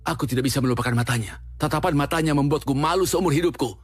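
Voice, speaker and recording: A man's voice: fairly high pitch, fast, breathy edge. A man dubbing a boastful but pitiful film ninja obsessed with revenge, theatrical, swinging between bragging and whining pleas. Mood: vengeful. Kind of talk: dubbed comedy film acting.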